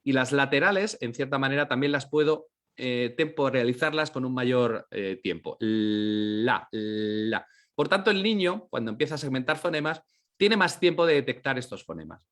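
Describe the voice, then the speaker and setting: A man teaching a lesson, explaining step by step, asking and answering his own questions, slowly sounding out syllables and sometimes correcting himself. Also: mid-range voice, sing-song, fairly bright tone. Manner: occasional apologetic self-corrections. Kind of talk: educational lecture on literacy.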